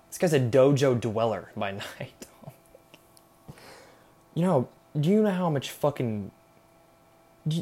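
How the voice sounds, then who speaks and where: With a mid-range, slightly mellow voice, a young solo podcast host rambles through an unscripted monologue. He keeps it casual and irreverent, leaning on slang, sarcasm and plenty of swearing.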